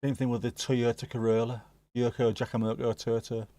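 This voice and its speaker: Speaking fairly fast in a mid-range, dark voice with little pitch movement, a Scouse-accented man hosts a livestream. He chats casually, reacting to the live chat with occasional jokes and swearing. He's from the Liverpool area of England, and there's no room sound.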